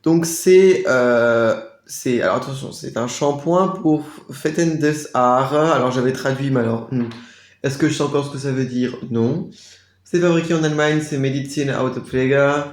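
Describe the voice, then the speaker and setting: Chatty man in an echoey room. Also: medium pitch. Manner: chatty, hesitant with many "euh", sounds out German labels slowly. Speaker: vlogger reviewing a shopping haul. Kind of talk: casual product review.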